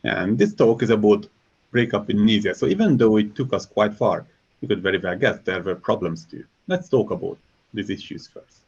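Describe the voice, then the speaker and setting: A man from Hungary, a software engineer, giving a scripted conference presentation in a measured, explanatory way with touches of dry irony. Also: fairly low pitch, animated, vocal fry, husky. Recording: slightly dull, muffled recording.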